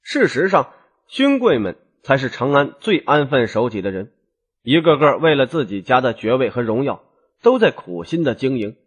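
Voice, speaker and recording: A man narrates a long serialized novel in a traditional storytelling style. His voice is husky and moves up and down in a lively way. He keeps the delivery expressive. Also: medium pitch, moderate pace. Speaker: audiobook narrator.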